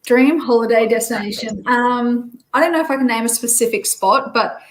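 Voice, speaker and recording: A woman's voice: fairly high pitch, normal speed, rough recording. A woman in her thirties from Queensland with an Australian accent, chatting easily as a podcast guest with lots of ums. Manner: relaxed, many fillers. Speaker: guest, former rugby player. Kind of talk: podcast interview.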